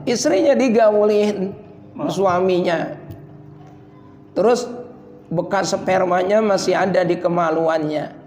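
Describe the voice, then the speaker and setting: A male preacher with a somewhat high voice delivers a lively, joking sermon at an evening study session. He mimics other people's voices and swings between loud and soft. His voice rings out in a long reverb over a faint background hum. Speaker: Islamic preacher. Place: prayer room.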